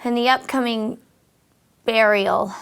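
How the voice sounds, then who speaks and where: A woman's voice: a little high, steady tone, slow pace, gravelly, fairly bright tone, clear, resonant tone, heavily acted. An actress playing a melodramatic, overemotional female news co-anchor in a comedy sketch. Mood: despondent.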